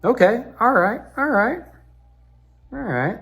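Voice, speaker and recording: A man hosting a mobile game video chats his way through the game's menus, talking himself along casually. His voice is very high-pitched, sing-song, slow, gravelly and a bit bright, echoing in a cavernous room with faint music behind it.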